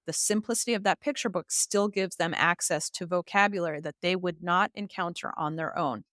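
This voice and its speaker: In a studio recording with no room sound, a woman with a medium-pitched, slightly bright voice speaks as an expert guest. This literacy educator and author explains her answers emphatically and articulately, like a teacher, with lists and examples.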